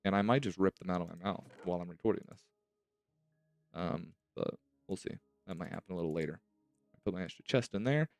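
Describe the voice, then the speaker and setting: In a dry recording with faint music behind, a man with a low, gravelly, slightly mellow voice talks fairly quickly with long pauses. He hosts a casual gaming let's-play, rambling to himself as he plays, with a slight lisp from retainers.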